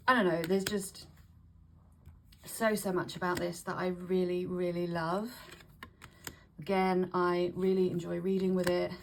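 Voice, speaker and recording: A woman vlogger chatting casually to camera, breathy and a little short of breath with hay fever, often restarting and repeating her phrases. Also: lowish voice, a little hiss or hum. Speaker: vlogger showing tarot decks.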